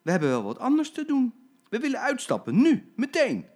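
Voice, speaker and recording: A man's voice: mid-range voice, wildly swooping pitch, normal speed. An older man voicing a crowd of cross, indignant bus passengers demanding to get off, in a children's story read aloud. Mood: angry. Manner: indignant, insistent.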